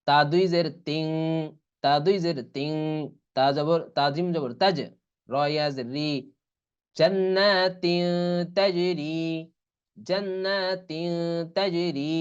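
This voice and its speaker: A man teaching Quran recitation rules in an online class, spelling out letters and vowel marks one by one and chanting the examples slowly. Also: a little high. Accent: Bangladeshi Bengali. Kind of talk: online tajweed lesson. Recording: dull lo-fi online class audio.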